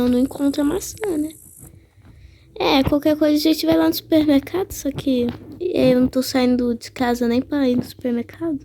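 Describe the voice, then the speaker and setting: A woman's voice: high voice, creaky, darkish tone, a little hiss or hum. A woman giving casual gameplay commentary, chatty and playful, talking back to the game characters. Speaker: gaming channel host.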